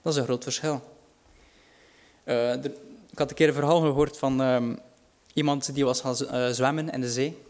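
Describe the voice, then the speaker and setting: A man's voice: medium pitch, steady tone, normal speed, darkish tone. A man preaching a sermon, earnest and reassuring, rising in volume for dramatic quotes.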